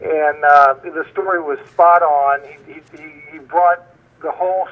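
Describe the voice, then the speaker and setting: A man from Florida calling in to a live show over a clipped phone line, eager and halting, tripping over and repeating his words. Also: a little high, steady tone. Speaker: caller. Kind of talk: call-in comment on live show.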